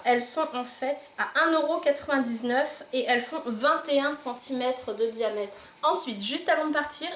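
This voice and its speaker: A woman chatting casually in a haul vlog, gushing over her purchases, filled with fillers, recorded at home with windows open. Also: high-pitched. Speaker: vlogger showing her shopping haul. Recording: roomy home room, faint insect noise. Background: insects outside.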